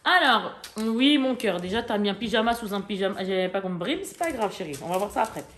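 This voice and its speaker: A woman's voice: medium pitch, animated, fast. A chatty woman in her forties talking casually to viewers as she shows off a shopping haul. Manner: chatty, talks straight to viewers, many fillers and asides. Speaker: vlogger showing a shopping haul. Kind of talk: casual haul vlog chat.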